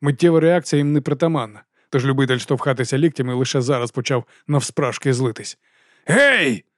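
This male narrator's mid-range voice carries a novel's scripted text with measured expressiveness. It's a dry, studio-quality audiobook recording.

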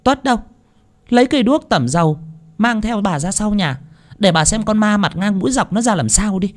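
A man voicing a sharp-tongued, scolding landlord's wife. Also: high-pitched, animated, normal speed, pitched above the performer's own voice. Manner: scolding, snappish.

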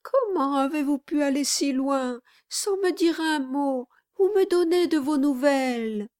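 A woman voicing a meek, tearful young wife who pleads softly in a storybook reading. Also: high voice, very animated, takes it slowly, no echo, studio quality, voice pushed up, heavily acted. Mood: pleading. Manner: pleading, soft and submissive.

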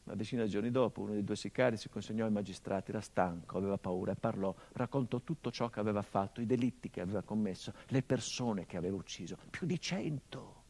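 A stage actor with a lowish male voice plays a hardened, grieving middle-aged son. His theatrical monologue is measured and drops into hushed tones.

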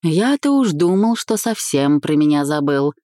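A woman's voice: low-pitched, big pitch swings, unhurried, mellow, no echo, clean studio sound. A woman voicing a brash, defensive young man who blusters and snaps back in an audiobook.

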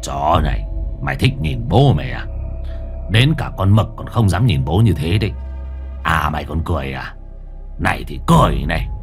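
Một người đàn ông kể chuyện đóng vai một gã du côn thô lỗ, nói giọng khiêu khích, chửi bới. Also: male voice, very deep voice, sing-song, normal speed, long pauses, faint music behind, pitched below the performer's own voice, full character voice. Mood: taunting. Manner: crude, taunting. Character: rough young thug, crude and taunting.

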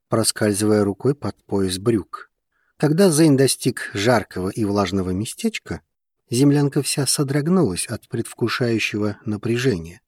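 A man narrating an audiobook in a measured, even reading manner. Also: medium pitch, no room sound, clean studio sound.

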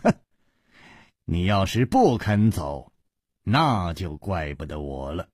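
A man playing a cold scheming young villain, sneering in a dropped, husky voice. The storyteller's menace sounds close and dry, with no room around it. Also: low voice, expressive, unhurried, darkish tone, no room sound, voice pushed down, heavily acted.

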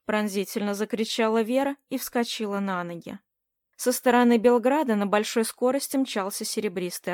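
A woman reading a novel aloud as an audiobook narrator, in a measured, even storytelling manner. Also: a little high, no echo, clean studio sound.

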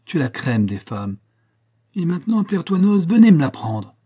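A man's voice: mid-range voice, normal speed, warm tone, voice pushed up, lightly acted. A man reading aloud voicing a sly, easy-going young husband who teases his father-in-law. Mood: sly, lively. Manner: easy-going, phlegmatic, mocking.

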